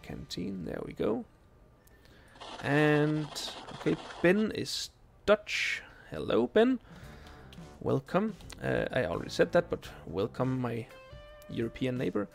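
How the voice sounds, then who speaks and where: A young Danish man streams a video game, chatting casually with viewers in a non-native language. His voice leans high with a gravelly texture. His delivery is relaxed yet stop-start, with lots of ums and restarts, against faint game music.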